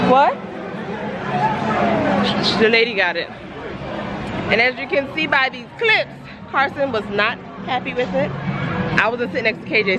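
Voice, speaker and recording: A woman chattily narrating a casual family vlog outdoors at an amusement park, checking in with the kids. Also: high-pitched. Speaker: family vlogger. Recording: very noisy outdoor crowd and ride noise. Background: loud crowd and ride noise.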